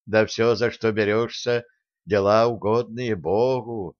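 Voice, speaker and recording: A calm old monk elder, voiced by a male narrator, slow and soft, quieter than the reader's usual tone. The soothing voice sounds dull and lo-fi. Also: fairly low pitch, no echo. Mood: gentle.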